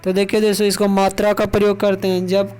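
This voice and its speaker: A man teaches a grammar lesson in a clear, smooth voice that sits high for a man. He keeps his pitch fairly level, putting questions to his viewers and answering them himself, and he repeats each key point. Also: monotone, fast talker, darkish tone.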